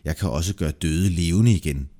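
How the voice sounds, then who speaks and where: A man voicing a patient, quietly stern old male apostle, speaking slowly and in a low, measured way in a folk tale. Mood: calm.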